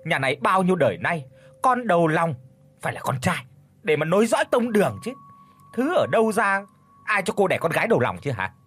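A man voicing a domineering elderly mother-in-law in an audio storybook, with a harsh, scolding manner and a husky tone. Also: fairly high pitch, huge pitch swings, a little slow, few pauses, pushed and bright, exaggerated voice. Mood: furious scolding.

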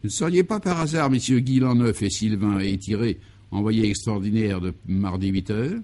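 A man's voice: lowish voice, moderate pace, warm tone, lightly acted. A man voicing a pompous male secret-service officer who speaks with stiff formal courtesy. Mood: courteous questioning. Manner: formal, courteous, then barking orders.

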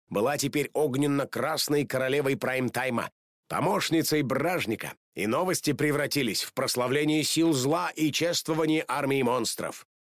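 A man reading a children's storybook aloud in an animated, expressive way. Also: medium pitch, no echo, clean studio sound. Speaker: narrator.

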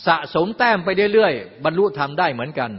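A man's voice: on the high side, sing-song, brisk, slightly rough. An older man teaching a Buddhist dharma talk in a folksy way, explaining with everyday examples and asides. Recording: lo-fi, long hall reverb.

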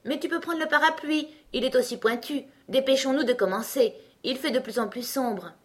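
A woman voicing Bonnet Blanc, a boastful, quarrelsome twin brother in a storybook, with a loud blustering manner. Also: sits high, normal speed, voice pushed up, close to an everyday voice.

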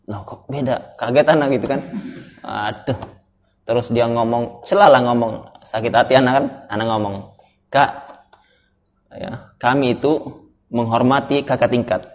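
A man's voice: medium pitch, a little mellow. A male religious teacher telling chatty stories with laughs during an informal study lesson, in a dull, slightly noisy recording. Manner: chatty storytelling with laughs and asides. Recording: dull lo-fi recording, faint noise.

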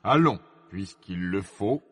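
A man's voice: sits low, animated, takes it slowly, breathy edge, long reverb tail, full character voice. A man playing a pompous peevish king. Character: pompous fussy fairy-tale king presiding a trial. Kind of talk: storybook audio drama.

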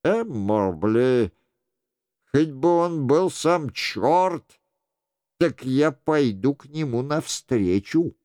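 A hot-tempered young nobleman from an old adventure tale, swearing and wary, as a male reader plays him. The voice drops a little lower and stays slow and clear. It is close and dry. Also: lively intonation, a little mellow, no room sound. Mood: bold.

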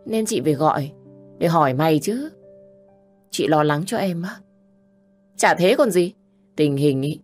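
A woman's voice: deep voice, darkish tone. A woman voicing a bossy, scolding older sister. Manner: nagging, scolding, harsh.

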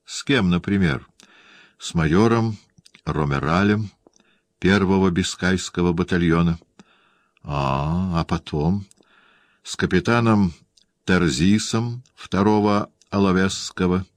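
A man voicing a proud noblewoman who answers quietly, curtly and with restraint. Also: sits low, dry recording. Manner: quiet, curt and controlled. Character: proud, guarded young noblewoman, cool and restrained.

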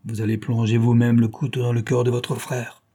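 A man's voice: medium pitch, monotone, moderate pace, mellow, breathy edge, close to an everyday voice. A man reading an audiobook, voicing the cold adult male leader of a secret gang, who talks in a solemn, commanding and menacing way.

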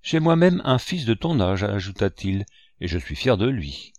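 A man's voice: fairly low pitch, big pitch swings, normal speed, a little mellow, dry recording. A man voicing a sly wheedling old pirate. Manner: sugary and mocking. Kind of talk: audiobook character voice.

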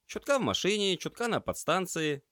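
A lively young trainee medic, upbeat and quick to tease, his voice sitting well above the reader's own and leaping around as he talks, as a male audiobook reader puts him on. The recording is close and dry, with no room sound at all. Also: high voice, no room sound, pitched above the performer's own voice. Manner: brisk, upbeat and teasing. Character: cheerful energetic young male paramedic trainee.

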